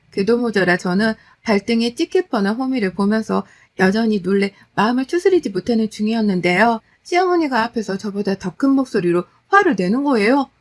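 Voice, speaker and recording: Woman narrating a family story. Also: fairly high pitch. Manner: steady, conversational storytelling with wry exasperation. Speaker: daughter-in-law telling her story.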